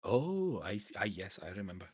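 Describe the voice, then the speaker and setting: A man voicing a stingy, gruff male merchant with a Scottish accent that drifts toward Irish. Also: sits low, sing-song, a little fast, no room sound, clean studio sound, exaggerated voice. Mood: scheming.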